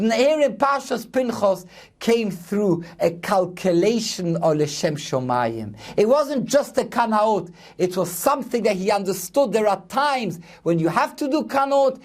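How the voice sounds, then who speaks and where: A rabbi giving a Torah sermon in an earnest, measured way, often correcting himself mid-phrase. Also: male voice, high voice, darkish tone.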